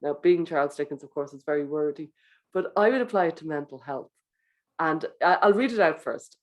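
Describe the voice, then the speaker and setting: A speaker giving a wellbeing talk to teachers in a gentle, coaching manner, guiding breathing exercises and acting out inner thoughts. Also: mid-range voice, fairly quick. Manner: acts out inner thoughts in quoted voices.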